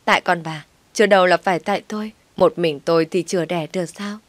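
A woman's voice: fairly low pitch, fairly even intonation, quick pace, no echo, close to an everyday voice. A tearful young wife in an audiobook, hurt and pleading, as a woman narrator puts her on. Her lines come in a dry, close recording. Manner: sobbing, pleading. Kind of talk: audiobook story reading.

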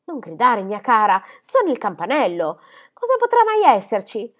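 Audiobook: woman voicing a high, loud, fretful middle-aged stepmother, fussy and self-absorbed. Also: wildly swooping pitch, normal speed. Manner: shrill, complaining, exclamatory.

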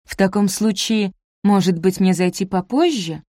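A woman's voice: mid-range voice, normal speed, dark tone, no echo, studio quality, natural voice. A woman reading the part of a polite young woman who questions persistently.

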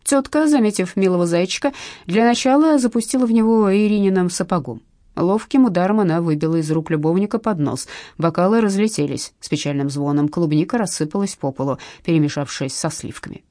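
A woman reading a comic detective novel aloud in measured, expressive audiobook narration. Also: lowish voice, no echo, clean studio sound.

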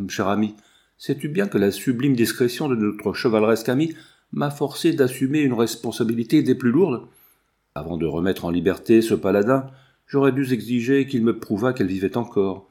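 A man's voice: medium pitch, mellow, close to an everyday voice. A man reading the part of an ironic, worldly husband who lectures his friend, in an audiobook character reading. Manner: teasing, lecturing, lightly ironic.

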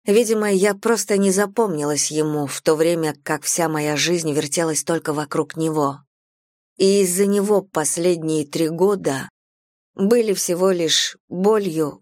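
Woman audiobook narrator, first person, measured and dramatic, lower voice, very dry close sound. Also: darkish tone, no echo.

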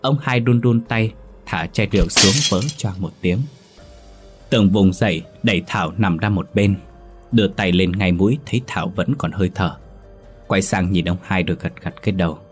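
A male storyteller reading a ghost story aloud in a steady, dramatic manner. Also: sits low, moderate pace, faint music behind. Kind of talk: scripted horror story narration.

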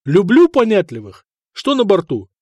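A male narrator plays a ruthless, bold warrior-king who barks orders and rouses crowds. His voice sits high and forceful, and the recording is close and dry. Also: huge pitch swings, moderate pace, husky, no echo, heavily acted. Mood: commanding. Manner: brash, commanding, shouting orders.

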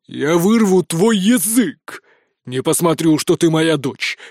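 A man voicing a huge, furious male cat-warrior prince who roars his lines slowly and with command. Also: fairly high pitch, animated, darkish tone, dry recording, clean studio sound. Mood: roaring. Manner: roaring, slow and commanding.

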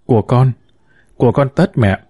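A man's voice: mid-range voice, moderate pace, warm tone, breathy edge, no echo, clean studio sound, close to an everyday voice. A man doing a stubborn, earnest young son. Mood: firm. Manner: earnest, pleading yet firm.

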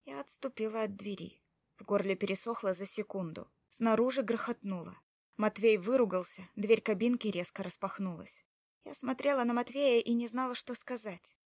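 A woman reads an audiobook as its heroine, telling the story in the first person. Her reading is expressive and emotional, in a mid-pitched voice. The sound is dry, close, and without room echo. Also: moderate pace, creaky. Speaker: narrator.

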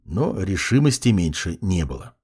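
A man narrating a first-person fantasy audiobook in an ironic, expressive way. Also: low voice, moderate pace, husky.

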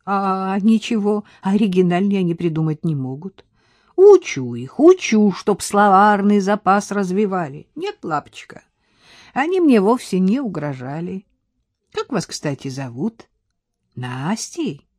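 Audiobook: woman doing a soft-spoken frail old man, mild and dry-miked. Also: mid-range voice, very animated, unhurried, dry recording. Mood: gentle. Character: frail kindly old man, gentle and unhurried.

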